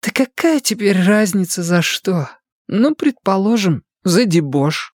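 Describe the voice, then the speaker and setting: A man voicing a sick, sullen young woman who speaks hoarsely and mutters despondently. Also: sits high, lively intonation, unhurried, no echo, studio quality, pitched above the performer's own voice. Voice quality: hoarse, sniffling.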